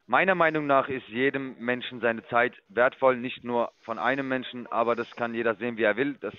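A man's voice: medium pitch, fairly quick, clear, resonant tone. Condescending man on a dull phone line. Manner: condescending, lecturing. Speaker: investment sales caller. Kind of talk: phone sales call.

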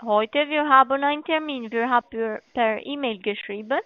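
Woman caller heard over a phone line, halting broken German, high-pitched, dull muffled audio. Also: no room sound. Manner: broken German, repeats herself. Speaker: scam caller. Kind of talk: phone call.

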